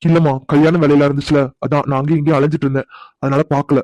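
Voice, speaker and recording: A man voicing fast-talking, remorseful middle-aged brothers. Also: on the high side, level tone, a little mellow, dry recording, lo-fi sound, natural voice. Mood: warm. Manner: pleading, emotional. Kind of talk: cartoon voice acting.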